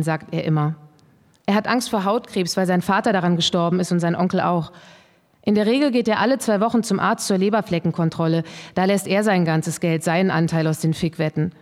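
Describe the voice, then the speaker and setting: A woman reads her own first-person prose aloud at a live literary event. Her delivery is measured and unhurried, with blunt, vivid phrasing. Her voice sits on the lower side and carries a long reverb from the hall. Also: darkish tone. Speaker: author reading her prose.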